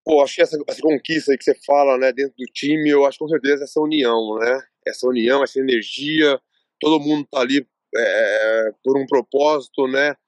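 A man's voice: medium pitch, steady tone, fairly quick, dry recording. A man from Brazil, a fighter guest on a podcast, telling a rambling anecdote and acting out what each person said. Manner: rambling storytelling, acts out quoted dialogue. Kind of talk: casual interview chat.

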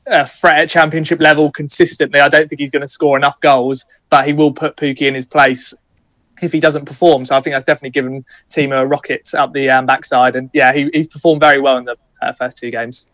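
A man chats casually as a football pundit. His voice sits a little high for a man, and the sound is close and dry. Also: flat delivery, fast, a bit bright, no echo. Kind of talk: casual sports chat.

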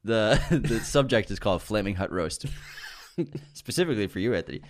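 A man's voice: on the low side, lively intonation, a little fast. A man co-hosting a comedy show, chatting casually and reading out listener roasts in a teasing, jokey way that often breaks into laughter.

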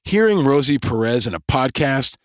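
A man's voice: mid-range voice, lively intonation, normal speed, no room sound, clean studio sound. Punchy man hosting a podcast. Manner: punchy, builds lists into rallying rhetoric. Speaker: podcast host. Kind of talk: scripted podcast monologue.

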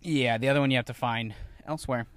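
A young man co-hosting a podcast in casual chat, relaxed and laughing, sometimes trailing off quietly. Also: medium pitch, fast, no room sound. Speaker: podcast co-host.

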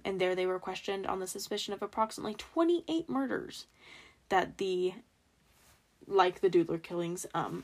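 Young American woman with soft, imprecise R's. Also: medium pitch. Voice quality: trouble pronouncing R sounds. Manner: informal, self-deprecating asides. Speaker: true crime podcast host. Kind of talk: casual solo podcast storytelling from notes.

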